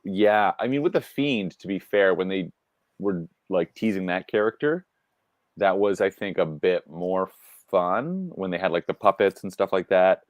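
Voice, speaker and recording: A man's voice: deep voice, animated, unhurried, no echo, studio quality. A man co-hosting a wrestling news show, chatting casually and rambling with lots of fillers. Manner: rambling, heavy use of "like" and fillers. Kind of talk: casual chat.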